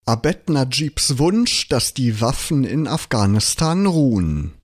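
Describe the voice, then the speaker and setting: A man narrating a news report in a measured reporting tone. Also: mid-range voice, very animated. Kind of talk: scripted narration.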